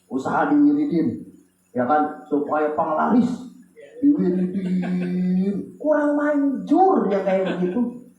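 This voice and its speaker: A man delivers a sermon in a fairly high voice, acting out weeping prayers and rising to loud, pleading cries. His voice rings through a big echoey hall. The recording sounds dull and muffled. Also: slow. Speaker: preacher. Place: Islamic boarding school hall.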